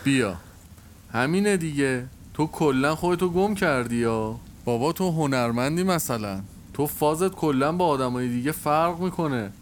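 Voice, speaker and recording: A man's voice: fairly high pitch, a little hiss or hum, natural voice. A man playing a blunt, teasing buddy. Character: teasing, blunt young male friend.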